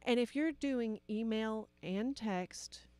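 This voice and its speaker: Chatty woman co-host, higher voice. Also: slow pace, a little mellow, clear, resonant tone, dry recording. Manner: laughs often, talks frankly with mild swearing. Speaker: podcast co-host. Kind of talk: casual chat.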